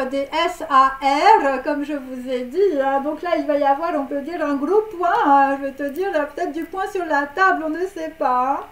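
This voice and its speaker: Giving a relaxed tarot reading in a roomy-sounding space, a high-voiced woman rambles on with plenty of fillers and tag words. She giggles at her own jokes along the way.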